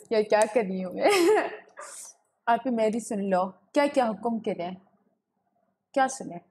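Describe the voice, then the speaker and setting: A woman's voice: a little high, sing-song, unhurried, long pauses, darkish tone, slightly rough. A young woman, chatting casually on a live gaming stream from home, giggling and greeting viewers. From Pakistan. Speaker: gaming livestreamer. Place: home room with a ring light. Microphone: webcam setup.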